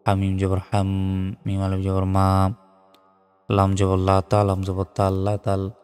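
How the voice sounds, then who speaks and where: Slow, dark-voiced Bangladeshi Quran teacher. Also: male voice, deep voice, completely flat delivery, smooth. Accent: Bangladeshi Bengali. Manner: slow, measured teaching, spells each letter then chants the verse. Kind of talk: spelling out and chanting Quranic verses in a lesson. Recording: studio voice with long reverb and soft music.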